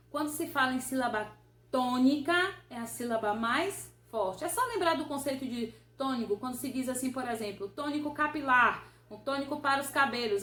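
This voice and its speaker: A woman's voice: high voice, a bit bright. A woman teacher, patiently explaining a grammar revision lesson and often checking that the listener follows. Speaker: Portuguese teacher. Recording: roomy echo.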